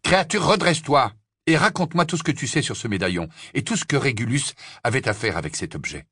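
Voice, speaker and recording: A man voicing a fierce, commanding teenage boy wizard who fires off sharp demanding questions. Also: mid-range voice, animated, quick pace, breathy edge, no room sound, clean studio sound, pitched above the performer's own voice. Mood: urgent.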